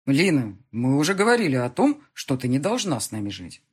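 A woman's voice: a bass voice, very animated, a little fast, husky, full character voice. A woman reading an audiobook and voicing a cold, irritated husband on the phone, curt and dismissive, breaking into anger. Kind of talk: audiobook character voice.

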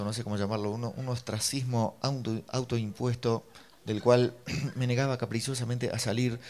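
A man with a Uruguayan accent telling a story, halting at first with many pauses. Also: medium pitch. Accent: Uruguayan Spanish. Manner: halting and hesitant, then lively and acted quotes. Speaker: storyteller reading his own story. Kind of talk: storytelling reading.

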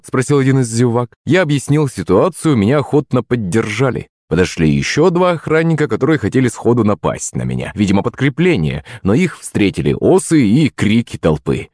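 A man reads a first-person audiobook in a fairly low voice. His intonation rises and falls widely, and he acts out the characters' lines. The recording is dry and close, with no room sound. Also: big pitch swings, normal speed, few pauses, a little mellow, no room sound. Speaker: audiobook narrator.

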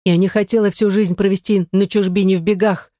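An audiobook reader voicing a distressed young ex-wife who pleads in a raised, defensive voice. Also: female voice, medium pitch, fairly even intonation, a little fast, mellow, no echo, studio quality, pitched above the performer's own voice, lightly acted. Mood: impassioned. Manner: pleading, rising voice. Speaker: audiobook character. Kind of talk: audiobook reading.

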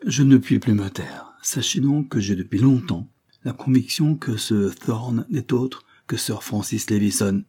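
A man's voice: medium pitch, a little slow, mellow, breathy edge. A man reading an earnest, anxious young woman. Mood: fervent. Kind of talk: audiobook character reading.

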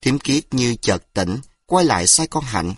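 A man's voice: medium pitch, a little slow, husky, no echo, clean studio sound. A man with a Southern Vietnamese accent narrating a story and acting out its voices. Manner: animated, acts out voices.

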